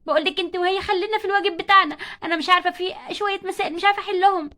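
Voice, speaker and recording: Mean schoolgirls with Egyptian Arabic accents gossip and mock in shrill voices, all put on by one woman. The lines come fast and sneering. It is a homemade doll story. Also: steady tone, sharp tone. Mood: dismissive. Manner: sneering, mocking.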